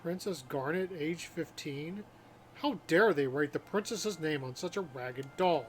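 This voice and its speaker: A man's voice: a little high, measured pace, a little hiss or hum, lightly acted. A man voicing a stiff, pompous middle-aged male royal knight in a put-on French accent, formal and indignant.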